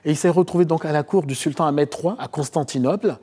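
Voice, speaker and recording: A middle-aged man from Côte d'Ivoire talks through his past as a guest in a TV studio. His voice is husky and mellow, set a little high for a man. He tells it as a long story, pausing on fillers and circling back over phrases. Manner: long storytelling answers with many hesitations and repeated phrases. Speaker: historian and author guest. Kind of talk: TV interview, recounting his research.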